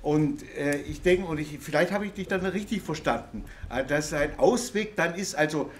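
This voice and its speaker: A man from Baden-Württemberg speaking from the audience at a panel, halting and repeating words. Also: fairly high pitch, slight background noise. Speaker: audience member. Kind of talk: public discussion contribution.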